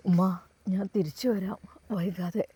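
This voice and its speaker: A woman voicing a young man in jail, speaking haltingly. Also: fairly low pitch, level tone, dark tone, slightly rough, dry recording, voice pushed down. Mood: subdued. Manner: halting, hesitant.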